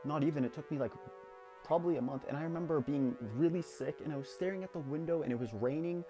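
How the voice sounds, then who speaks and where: Candid teenage guy, slightly high voice. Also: fast, over music. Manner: candid, confessional, rambling with restarts. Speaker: YouTuber. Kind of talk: reflective personal vlog.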